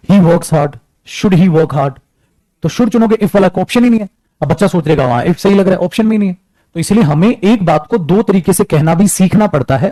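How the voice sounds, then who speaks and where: A man teaching an English grammar class, talking lively and calling his students beta as he mixes English terms into his talk. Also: a little high, no room sound. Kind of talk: classroom lecture.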